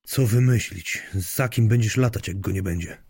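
A man's voice: fairly low pitch, normal speed, darkish tone, dry recording. A man voicing a surly, dismissive older husband in an audiobook story. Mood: gruff. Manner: gruff, dismissive.

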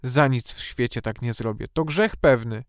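A man's voice: mid-range voice, normal speed, clear, resonant tone, dry recording, clean studio sound, close to an everyday voice. A man voicing a poor, worried village mother. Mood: anxious. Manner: worried, fretful questioning. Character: poor, anxious, devout mother fearing for her sick daughter.

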